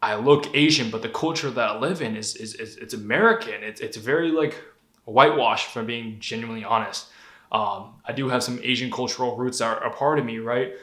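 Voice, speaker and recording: This young man from Denver, Colorado has a mid-range voice and talks fairly quickly in his casual vlog monologue. He's frank, swears plenty, and tells stories animatedly, with the room sounding echoey.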